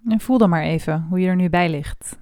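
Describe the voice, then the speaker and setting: A woman leading a guided body scan meditation, speaking slowly and softly with long pauses. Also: lowish voice, no echo, clean studio sound. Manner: slow, soft and calm with long pauses.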